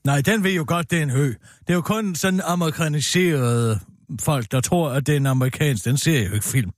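A man's voice: on the high side, no room sound, clean studio sound. A man in a comedy sketch with a pompous, opinionated way of rambling.

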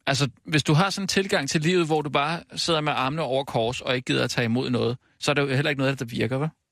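A man's voice: mid-range voice, gravelly, fairly bright tone, no room sound, clean studio sound. A man hosting a comic radio interview, hesitant and coaxing, with many fillers. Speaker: host.

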